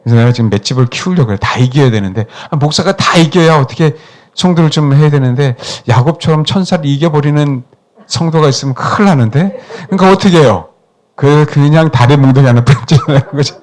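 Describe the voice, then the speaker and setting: A middle-aged man preaching from the pulpit with a slightly higher voice than most men. He drives his points home with emphatic questions, calling out to the congregation for agreement. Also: fairly quick, darkish tone. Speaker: pastor. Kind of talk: sermon.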